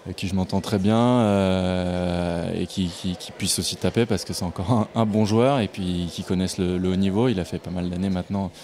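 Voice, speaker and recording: A man from Paris, a tennis player answering post-match interview questions in a relaxed way, with many hesitations and fillers. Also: low voice, brisk, few pauses, a little hiss or hum. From Paris, France.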